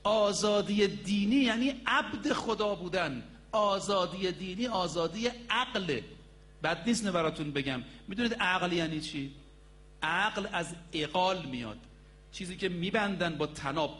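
Male preacher, high voice, emphatic, drawn-out stresses, storytelling sermon, talks straight to the listeners. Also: fairly bright tone. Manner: storytelling, addresses the audience directly.

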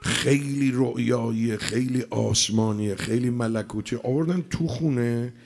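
A man preaching a mourning sermon, emotional, swinging between loud cries and hushed lines. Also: mid-range voice, creaky.

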